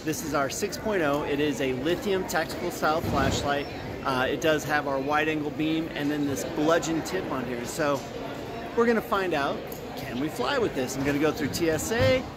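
A man's voice: on the high side, normal speed. A middle-aged man filming a casual, upbeat demo on a phone held at arm's length inside a busy airport terminal. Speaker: company representative. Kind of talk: handheld vlog demo. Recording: loud airport crowd noise behind.

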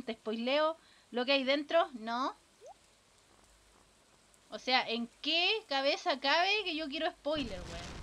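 A woman's voice: sits high, fairly bright tone. A young woman with a Chilean accent, casually commentating a live game stream, chatting with viewers and swearing freely.

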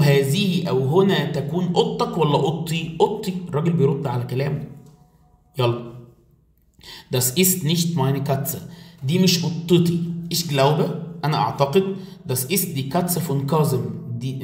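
A man with an Egyptian Arabic accent, teaching German in a jokey, lively exam review lecture. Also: medium pitch, far from the mic. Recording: echoey room, voice a bit off-mic.

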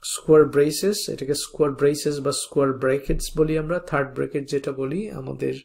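A programming instructor teaching a coding lesson step by step, spelling out code slowly and often checking in with the viewer. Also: mid-range voice, flat delivery, vocal fry, a little mellow. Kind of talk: coding tutorial lecture.

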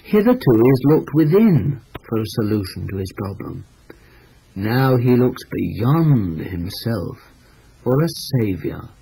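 A man reading a devotional book aloud in an expressive, emphatic way, slowing down on key phrases. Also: medium pitch, gravelly, a little hiss or hum, low-quality recording.

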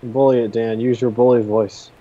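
A man's voice: mid-range voice, flat delivery, moderate pace, dark tone. Teasing man with a dull voice-chat sound. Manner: teasing, dry jokes. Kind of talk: casual voice-chat banter.

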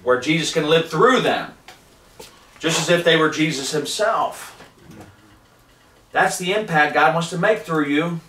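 A fervent male preacher with a rather high voice delivers a sermon in a living room. He is captured from a distance, so his voice sounds roomy and open. He reads scripture and drives his points home. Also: a little slow, pauses often, bright, forceful tone, slight background noise. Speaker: street preacher. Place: living room with wood paneling. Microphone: far camera.

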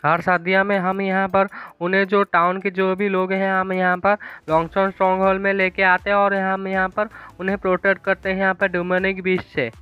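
Male recap narrator, high and smooth, rambling filler-heavy delivery; dull lo-fi track with faint music. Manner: rambling, repeats filler phrases constantly. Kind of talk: casual storytelling recap.

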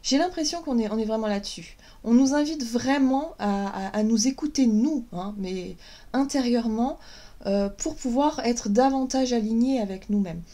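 A woman giving a casual spiritual guidance talk as a tarot and oracle reader, hesitant, full of fillers and restarts, gentle and encouraging. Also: on the high side, moderate pace.

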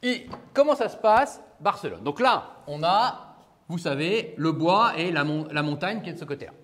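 A man gives a university law lecture in a lecture hall. His voice sits a little high and swings widely in pitch as he talks casually and throws questions at the students. A long hall reverb trails after his words. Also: expressive, normal speed, a bit bright. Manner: conversational, asks the class questions. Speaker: law professor.

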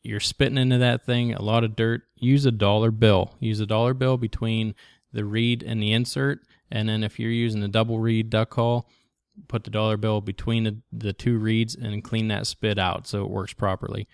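A man's voice: on the low side, level tone, moderate pace, vocal fry, clear, resonant tone, no echo, clean studio sound. A man co-hosting a podcast, giving casual, matter-of-fact instructional advice and repeating key points for emphasis. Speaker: co-host of a hunting tips podcast.

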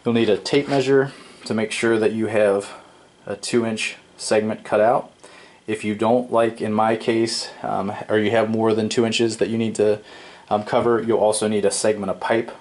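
A DIY home repair presenter walks step by step through a plumbing fix at a wooden workbench in an indoor workshop. His lowish voice is relaxed and explanatory in this casual hands-on tutorial, often broken by "um" and self-corrections.

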